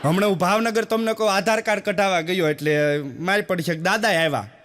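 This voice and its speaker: High-voiced guy doing stand-up, chatty folksy storyteller. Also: brisk, a bit bright. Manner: folksy, chatty, addresses the audience directly. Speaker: stand-up comedian.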